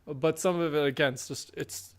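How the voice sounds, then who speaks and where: A young man co-hosting a casual podcast, his voice a little higher than most. He talks in an easygoing, rambling way, laughing often. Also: fairly even intonation, moderate pace. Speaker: podcast co-host. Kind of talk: casual chat.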